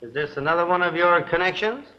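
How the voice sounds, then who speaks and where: An actor playing a brash, wisecracking, nosy newspaper reporter in a 1930s film, talking in flippant slang. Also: male voice, high-pitched, fast talker, lightly acted. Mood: pressing, cocky. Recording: dull, hissy vintage film soundtrack.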